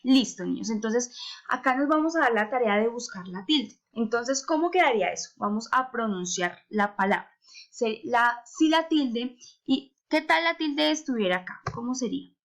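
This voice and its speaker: A woman's voice: fairly high pitch, expressive, normal speed, highs cut off. Patient woman teaching young children. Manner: patient, asks frequent rhetorical questions, stretches words to stress syllables. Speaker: primary school teacher. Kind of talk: recorded remote lesson for children.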